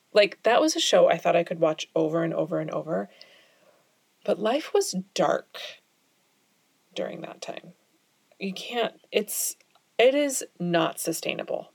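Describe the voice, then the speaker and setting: A woman's voice: mid-range voice, vocal fry, slightly rough, no room sound. A young adult woman from Alaska hosting a casual solo podcast, chatty and self-deprecating, recording in a small closet at home. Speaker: podcast host.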